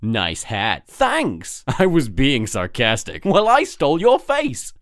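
A woman voicing deadpan cartoon parents and oddballs in a fan animation. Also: very deep voice, slow pace, heavily acted. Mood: sarcastic.

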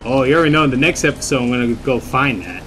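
A man's voice: mid-range voice, animated, quick pace, a bit bright, a little hiss or hum. A young man giving casual, rambling gameplay commentary, often repeating his phrases. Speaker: gamer, video host. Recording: game music under the voice.

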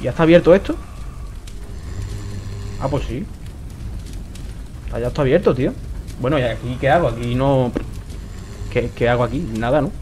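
A man doing casual let's play commentary, talking to himself, swearing often, with sudden excited outbursts. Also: medium pitch, moderate pace, pauses often, slight background noise. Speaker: gameplay commentator.

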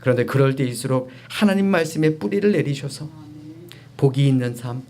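A man's voice: mid-range voice, lively intonation, fairly quick, darkish tone. A man, a pastor, preaching a sermon, exhorting the congregation directly and swelling his voice on key phrases.

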